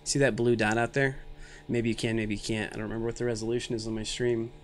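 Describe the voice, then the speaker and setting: A man's voice: mid-range voice, little pitch movement, fast, a little hiss or hum. A man of thirty streaming a game, chatting with viewers in a rambling, self-mocking, jokey way, tired and a little loopy from too little sleep and too much caffeine. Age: 30s. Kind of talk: casual live-stream commentary.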